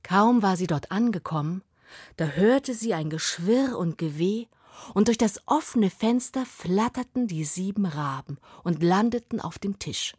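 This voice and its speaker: A woman telling a fairy tale aloud, slow and expressive, sometimes dropping to a whisper. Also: medium pitch, slightly rough, dry recording, studio quality. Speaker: storyteller.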